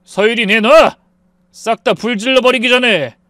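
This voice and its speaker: A man voicing a falsely gentle husband who turns snarling and threatening in a story narration. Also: mid-range voice, lively intonation, moderate pace, no echo, studio quality, pitched above the performer's own voice, natural voice. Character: smooth-talking abusive husband turned threatening.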